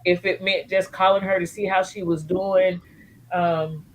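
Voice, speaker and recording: A woman's voice: lowish voice, steady tone, measured pace, rough recording. A woman guest speaking candidly and emotionally about supporting family, earthy and joking in turns. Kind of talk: candid personal storytelling.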